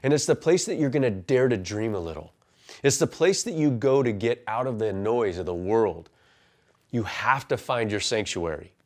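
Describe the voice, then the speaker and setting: Man, 40s, coach and pastor type, earnest storytelling that turns to direct motivational punch, mid-pitched voice. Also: animated, normal speed, a little mellow. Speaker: men's life coach and pastor. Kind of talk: personal testimony and motivational talk.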